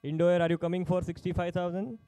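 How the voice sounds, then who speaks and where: A man's voice: sits high, flat delivery, fast, warm tone, smooth, dry recording. A man working as an auctioneer at a live sports player auction, calling out bids in short, repeated phrases.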